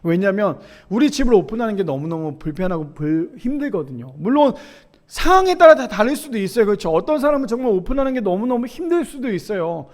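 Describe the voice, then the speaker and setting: A man's voice: high voice, very animated, fast talker, darkish tone. A male pastor preaching a sermon at a church service, reading scripture verses aloud and often asking the congregation questions. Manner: reads scripture verses aloud between remarks.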